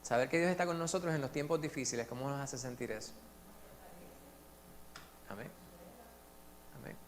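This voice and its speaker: A man with a Puerto Rican accent leading a church Bible study, lively and joking, asking the group questions. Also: medium pitch, normal speed. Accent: Puerto Rican Spanish. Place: church meeting room. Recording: faint hum in a long-reverb hall.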